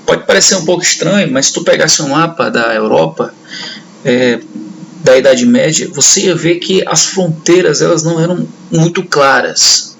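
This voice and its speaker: Gravelly male teacher. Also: on the high side, fairly bright tone, slight background noise, low-quality recording. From northeastern Brazil. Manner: conversational, checks in often with "né" and "ok". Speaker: history teacher. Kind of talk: classroom lecture.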